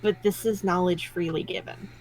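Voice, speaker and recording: A woman's voice: lowish voice, steady tone, moderate pace, faint music behind, rough recording. A woman playing a tabletop game, playful and cheeky, speaking kindly in character. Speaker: player. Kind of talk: tabletop role-play.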